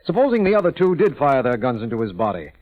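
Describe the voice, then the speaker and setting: A man's voice: mid-range voice, big pitch swings, quick pace, lightly acted. Man as sober district attorney on vintage radio. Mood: matter-of-fact. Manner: formal, declarative. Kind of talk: 1940s radio detective drama acting and narration. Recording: muffled 1940s AM radio recording.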